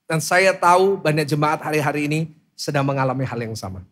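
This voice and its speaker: A man in his thirties preaching a sermon loudly and with energy, often calling on the congregation to respond. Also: fairly high pitch, brisk. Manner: loud, lively preaching with calls to the congregation. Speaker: pastor.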